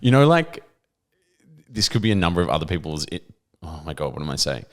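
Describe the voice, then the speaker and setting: Young guy co-hosting a comedy pod, lowish voice, riffs and jokes around. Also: big pitch swings, brisk. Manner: playful riffing, improvises bits in character. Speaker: podcast co-host. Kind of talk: casual comedic chat.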